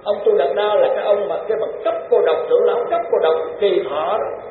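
A man's voice: sits high, quick pace, faint music behind. A man giving a Buddhist dharma talk in a conversational, repetitive way, with chuckling asides. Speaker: Buddhist preacher. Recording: tinny, echoey hall recording.

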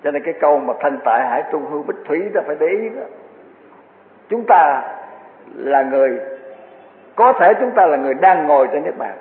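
Heard through tinny, echoey, phone-like audio from a hall, a Buddhist dharma teacher preaches in a fairly high, animated voice. He talks fairly quickly but pauses often, staying earnest and repetitive while using vivid examples from daily life.

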